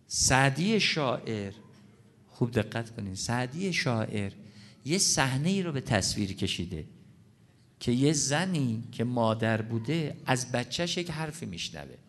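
A man's voice: mid-range voice, very animated, a bit bright. Earnest man preaching a sermon. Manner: earnest, explanatory, addresses audience directly.

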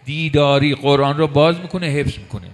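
A man preaching a sermon, emphatic, repeating key words and slowing down for weight. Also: on the high side, fairly even intonation.

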